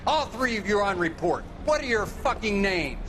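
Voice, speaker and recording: An actor playing a foul-mouthed, bullying American Marine drill sergeant in a video game, barking gruff insults and threats. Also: male voice, high voice, sing-song, normal speed, over music. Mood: irritated, contemptuous. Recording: clear background noise under voice.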